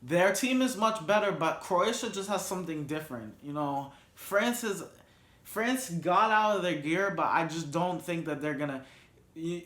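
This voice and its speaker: Slow, rambling man vlogging in an echoey room. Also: high-pitched, a bit bright. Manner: rambling, with frequent restarts. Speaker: vlog host. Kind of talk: casual sports and reality-show commentary. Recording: roomy echo.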